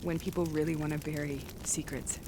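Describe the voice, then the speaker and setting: An actress playing a haunted but resolute female soldier, speaking gravely and deliberately in video game drama. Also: low voice, little pitch movement, noisy background, natural voice. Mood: grave, defensive. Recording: loud music behind.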